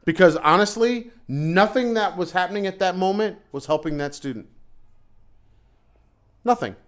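A man's voice: high-pitched, lively intonation, moderate pace. A man who teaches English in China, telling a story in casual chat with a ranting, exasperated manner. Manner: exasperated storytelling rant, repeats himself.

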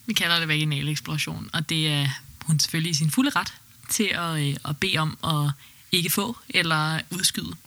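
A woman who is a midwife and podcast co-host, explaining things thoughtfully in casual chat with small pauses. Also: deep voice, bright, forceful tone, dry recording.

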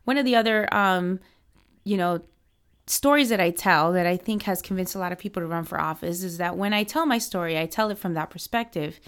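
A woman's voice: lowish voice, brisk, smooth. A young adult woman from Miami, a political strategist, answering interview questions in an earnest, passionate way with many fillers and restarts. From Miami, United States.

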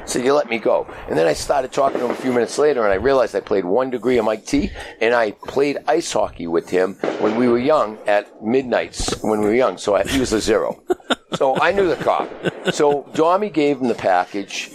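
Animated older man, gravelly voice. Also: mid-range voice, brisk, background noise. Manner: animated storyteller, acts out quotes. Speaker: radio co-host. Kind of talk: casual storytelling chat.

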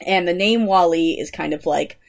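Young woman, podcast co-host, slightly low voice, chatty, laughs a lot, casual talk. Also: normal speed, vocal fry. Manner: chatty, laughs often, reads out trivia. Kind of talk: casual chat.

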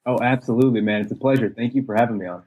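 A man from the United States, a sports writer guest in a casual podcast chat, easygoing and quick to laugh. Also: mid-range voice, steady tone, a little mellow, breathy edge, poor audio.

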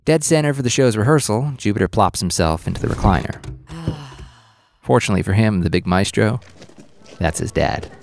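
A man's voice: on the low side, fairly quick, vocal fry, background noise. A man narrating a story podcast as its host, in a dry, wry scripted delivery.

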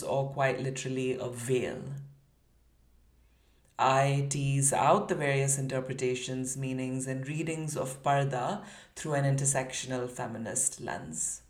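Woman from pakistan explaining her art, steady, echoey room. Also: a bass voice. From Karachi, Pakistan. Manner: measured, explanatory. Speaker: artist and educator. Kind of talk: prepared statement. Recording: roomy echo.

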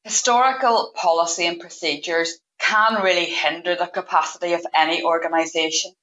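A woman's voice: on the low side, steady tone, normal speed, bright, forceful tone, slight background noise. A woman aged fifty answering interview questions as a podcast guest. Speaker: podcast guest, payroll manager. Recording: echoey room, dull lo-fi sound.

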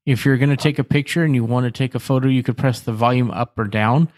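A man answering tech questions as a panelist, in a measured, instructive, conversational way. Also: mid-range voice, steady tone, a little mellow.

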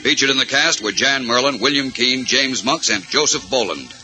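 A man's voice: medium pitch, expressive, normal speed, bright, forceful tone, soft background music, rough recording. An American man announcing and narrating an adventure serial in the urgent, theatrical, emphatic manner of an old radio announcer. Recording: old radio broadcast recording.

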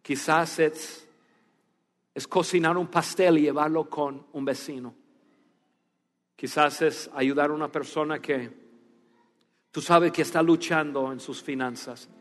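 A man preaching a sermon, telling a story with animation and then speaking in a hushed, earnest tone. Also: on the high side, steady tone, a little slow, pauses often. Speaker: pastor. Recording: long reverb of a church hall.

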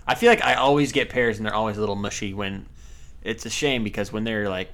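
A talkative man rambles through a casual podcast chat, piling up fillers and playful exaggerations. His voice sits a little low. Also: fairly even intonation, fast talker, fairly bright tone. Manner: chatty, rambling with fillers and restarts.

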